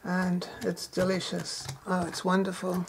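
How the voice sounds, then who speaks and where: A woman's voice: on the low side, completely flat delivery, measured pace, a little hiss or hum. A woman talking in a casual cooking vlog in a shearing shed kitchen, chatty and enthusiastic, savoring each taste aloud. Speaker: home gardener and cook.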